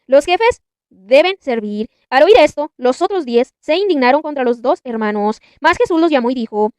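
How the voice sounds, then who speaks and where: A woman reading scripture aloud in a measured, deliberate narration. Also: high voice, animated, darkish tone, dry recording. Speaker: Bible narrator.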